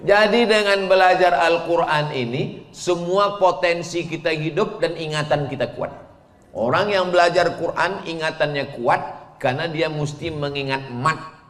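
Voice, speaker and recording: Slow-talking preacher in an echoey hall. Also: male voice, fairly high pitch, fairly bright tone. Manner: playful, teasing questions, chanted Quran recitation. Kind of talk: lively religious lecture. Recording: echoey hall with long reverb.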